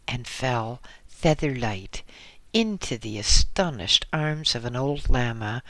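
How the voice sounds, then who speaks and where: A man narrating a first-person memoir as an audiobook, in a measured, dramatic way. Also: mid-range voice, a bit bright, no echo. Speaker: audiobook reader.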